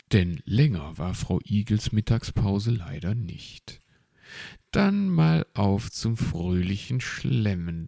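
A man reading a children's story aloud with expressive, unhurried storytelling. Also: sits low, gravelly, slightly rough, no room sound, studio quality. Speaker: narrator.

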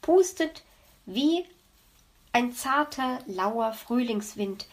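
A woman's voice: a little high, animated, drawn-out words. Kitty, a woman as a cheerful teasing elf. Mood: instructive. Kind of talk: audiobook reading.

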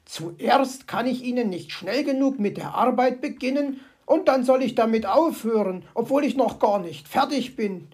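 A woman's voice: a little high, measured pace, creaky, a little mellow. Woman doing grumbling Herr Fuchs. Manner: grumbling, dry and sarcastic. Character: grumpy, sardonic old male fox.

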